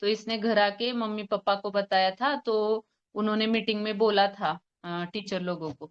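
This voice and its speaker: Young woman doctor, smooth and fairly high voice, slightly muffled lo-fi audio, retelling a consultation for colleagues. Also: fairly even intonation, normal speed. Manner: retells a patient consultation, quoting both sides, with hesitant fillers. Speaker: homeopathic doctor. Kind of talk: case presentation to a forum.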